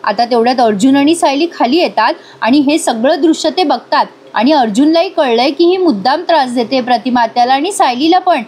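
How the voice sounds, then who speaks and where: A woman's voice: animated, a little fast, few pauses, a little mellow, slight background noise. A woman narrating a voice-over recap of a TV serial, chatting to viewers and briefly acting out the characters' lines. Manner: chatty, addresses viewers, switches into characters' lines with raised pitch.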